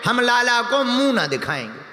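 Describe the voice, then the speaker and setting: A man's voice: very high-pitched, big pitch swings, normal speed, bright, forceful tone, a little hiss or hum, pitched above the performer's own voice, full character voice. A man doing a stubborn village mother. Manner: firm, then soothing and fretful. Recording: echoey hall with music.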